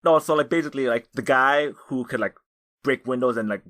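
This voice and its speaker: Brief: male co-host, mid pitch, halting explanations full of restarts. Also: fairly bright tone. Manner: hesitant, many restarts and fillers. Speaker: podcast co-host. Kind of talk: casual chat about anime.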